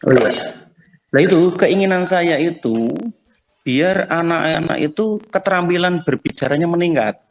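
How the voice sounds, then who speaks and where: A man's voice: on the high side, moderate pace. Polite earnest man with lilt. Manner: polite, earnest, explaining his goals. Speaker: primary school teacher being coached. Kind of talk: coaching conversation practice.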